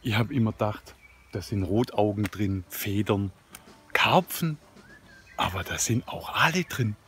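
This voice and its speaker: A man in his forties, filming his own casual vlog while fishing at a pond and exclaiming excitedly as he lands fish. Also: lowish voice, measured pace. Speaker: angler filming himself. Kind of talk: casual outdoor vlog commentary. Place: outdoors at a pond bank. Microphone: handheld camera, often set at a distance. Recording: outdoor camera audio with steady background noise.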